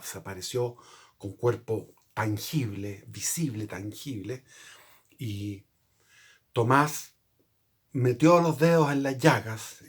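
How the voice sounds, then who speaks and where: A man with a husky, somewhat breathy voice speaks at an ordinary middle pitch. He explains a religious subject in an earnest, unscripted way, wandering off on tangents and often correcting himself mid-thought. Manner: rambling, with frequent restarts and self-corrections. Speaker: channel host.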